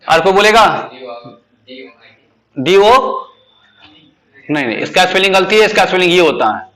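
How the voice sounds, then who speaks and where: A man teaching English spelling to a class, quizzing his students with quick questions and repeating key points. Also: high voice, big pitch swings, pushed and bright. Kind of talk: classroom lecture.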